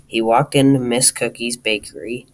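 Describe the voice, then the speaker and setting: A man reading a children's storybook aloud, talking straight to the listener in a lively way. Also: mid-range voice, moderate pace, slight background noise, poor audio. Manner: lively, addresses the listener directly.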